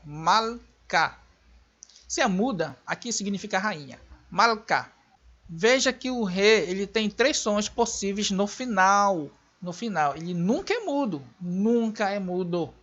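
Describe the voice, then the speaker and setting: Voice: mid-range voice, fairly bright tone. Emphatic presenter, dull lo-fi sound. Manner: emphatic and repetitive, pressing points home; scornful toward opponents. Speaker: video presenter teaching Hebrew grammar. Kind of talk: explanatory rebuttal lecture.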